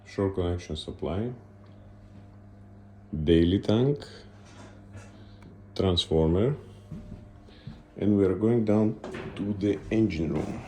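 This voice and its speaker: A man narrating an unscripted video tour as a guide, halting and pausing between short phrases. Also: deep voice, mellow, echoey room, slight background noise.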